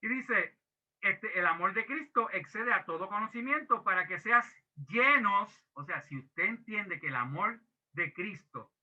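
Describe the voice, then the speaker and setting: A man teaching a Bible class sermon as pastor, lively and acting out quoted dialogue, with English words mixed in. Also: high-pitched, measured pace. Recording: tinny phone-like audio.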